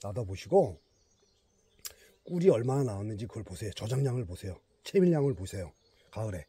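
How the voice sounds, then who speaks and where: A man's voice: on the low side, sing-song, a little fast, dark tone, breathy edge. A middle-aged man vlogging outdoors in a mountain forest, chatting emphatically to his bees and to his viewers. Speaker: beekeeper vlogger. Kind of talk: casual outdoor vlog.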